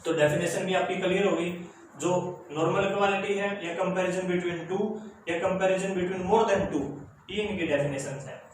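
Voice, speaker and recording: A man teaching an English grammar lesson who explains slowly and repeats words for his students. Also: high voice, fairly even intonation. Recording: very echoey room, faint background noise.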